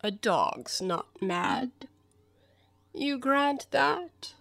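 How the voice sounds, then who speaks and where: A woman voicing a grinning mad cat in a storybook, with slow, drawn-out, breathy, matter-of-fact delivery. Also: high voice, very animated, fairly bright tone, dry recording, voice pushed up, heavily acted. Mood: smug, unhurried. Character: languid, grinning, good-natured mad cat.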